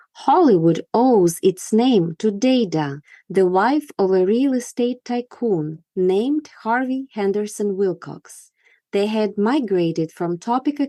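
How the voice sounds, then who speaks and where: A woman hosting a podcast narrates a scripted story in a lowish, mellow voice. The recording is close and dry, with hardly any sense of the room.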